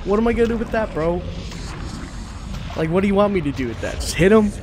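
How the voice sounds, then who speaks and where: A man's voice: high-pitched, animated, fast, background noise. A young man giving casual let's play commentary, slangy and sweary, often repeating short phrases. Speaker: gaming streamer. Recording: loud game music behind voice.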